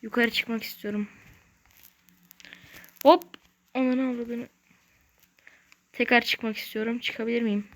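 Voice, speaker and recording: A woman hosting a gaming channel, giving casual let's-play commentary in short, excitable bursts with slangy exclamations and mild curses. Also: fairly high pitch, a little slow, long pauses. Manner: talks to self while playing, short bursts.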